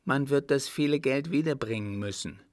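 A man reads aloud, voicing a curious, eager, bright little boy who asks earnest questions, pitched above his own voice yet close to everyday speech. His voice is mid-range at a moderate pace, captured with clean studio sound and no echo.

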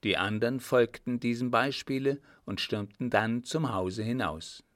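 Male narrator, mid-pitched, measured storybook reading, dry close mic. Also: dry recording. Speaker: audiobook narrator. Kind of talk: scripted narration.

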